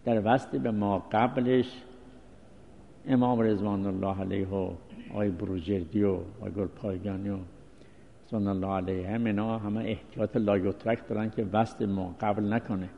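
A man giving a seminary lecture on Islamic law, explaining in measured, short phrases with pauses. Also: on the low side, flat delivery, creaky, a little hiss or hum. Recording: dull lo-fi recording with long reverb.

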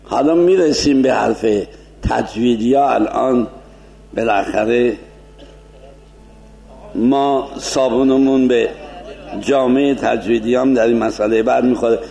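A man teaching a seminary lecture as a cleric, explaining points and slowly demonstrating Arabic pronunciation. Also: mid-range voice, vocal fry, dark tone, roomy sound.

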